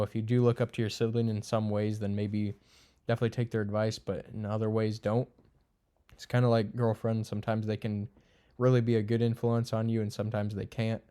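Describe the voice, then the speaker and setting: A man's voice: fairly low pitch, mellow, clear, resonant tone. A young man giving casual, unscripted commentary to camera, blunt and crude, rambling with lots of fillers. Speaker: video creator ranking friend types.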